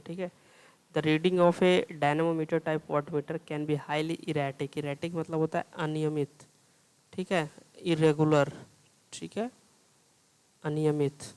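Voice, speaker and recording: Man, lecture style, slow, clear smooth voice, reads questions then explains. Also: fairly high pitch, low-quality recording. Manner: reads English questions slowly, explains in Hindi with repeated "theek hai". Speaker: teacher. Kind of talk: exam-prep lecture solving multiple-choice questions.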